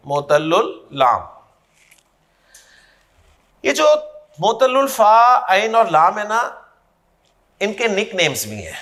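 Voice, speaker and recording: A man leads a classroom grammar lecture. His voice sits high and sounds bright and sharp, and his delivery is slow and deliberate. He keeps repeating key terms and quizzing students by name. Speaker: teacher.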